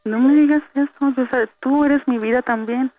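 A woman's voice: sits high, fairly even intonation, moderate pace, no echo. A woman with a Mexican accent pleading emotionally with a partner over the phone. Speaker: caller playing a prank on a partner. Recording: radio phone call with music behind.

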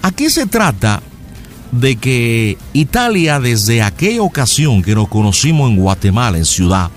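A man's voice: medium pitch, sing-song, unhurried, soft background music. A man playing a polite, rambling Cuban surgeon with a Cuban accent in a prank phone call. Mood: smooth, courteous. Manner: formal, rambling, many hesitations. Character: smooth-talking male Cuban surgeon, middle-aged, overly polite. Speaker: prank caller.

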